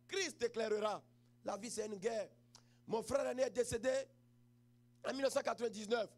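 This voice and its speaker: A man with an Ivorian French accent preaching a sermon as pastor, moving from quiet personal storytelling to shouted, half-sung exhortation. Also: very high-pitched.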